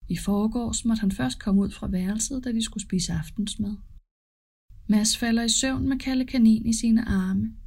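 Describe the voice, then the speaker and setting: Woman narrating a story, mellow tone. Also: on the high side.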